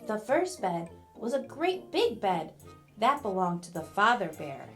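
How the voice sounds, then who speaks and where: A woman narrating a children's fairy tale from a script, with expressive storybook emphasis. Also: medium pitch, measured pace, faint music behind.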